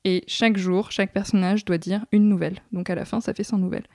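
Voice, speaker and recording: Young woman explaining, mellow and dry. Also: medium pitch, steady tone, fast, no room sound. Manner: thoughtful, frequent hesitations. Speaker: guest researcher. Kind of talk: explanatory interview answers.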